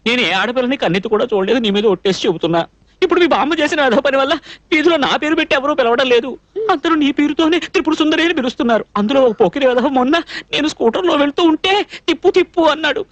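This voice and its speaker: A man's voice: extremely high pitch, expressive, very fast, fairly bright tone, no room sound. An actor playing a shy, naive young man in a dubbed comedy film scene, talking in a flustered, rambling way. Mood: pleading.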